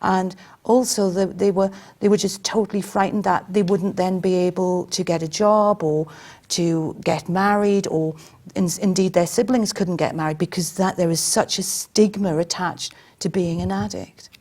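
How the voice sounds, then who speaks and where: A woman's voice: on the low side, steady tone, moderate pace, a little mellow. A woman speaking as a panel guest, answering in a firm and emphatic way. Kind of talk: panel discussion.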